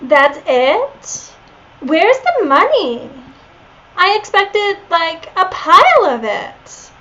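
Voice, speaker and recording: Woman playing a ghost valley girl, high, bubbly and upspeaking, slightly muffled recording. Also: sing-song, extremely slow, pushed and bright, heavily acted. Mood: baffled.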